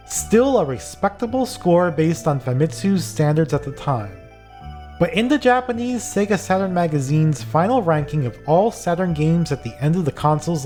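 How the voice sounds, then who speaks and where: Male narrator for scripted game retrospective: blunt critic, slightly high pitch, varied inflection. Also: darkish tone. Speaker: video game reviewer.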